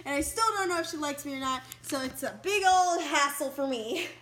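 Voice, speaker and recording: A young woman in a casual vlog, rambling excitedly and breathlessly about her school day, recorded outdoors on a school campus. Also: high voice, fairly quick. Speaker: vlogger.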